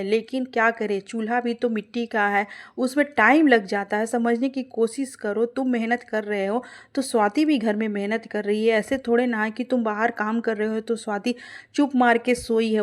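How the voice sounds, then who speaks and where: A woman voicing a kind, protective older mother-in-law who speaks gently in a cartoon story. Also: a little high, lightly acted. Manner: gentle, soothing.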